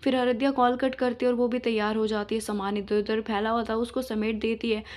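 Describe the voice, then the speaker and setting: A woman's voice: fairly high pitch, little pitch movement, a little fast, darkish tone. A woman storyteller narrating a story in a plain, conversational way.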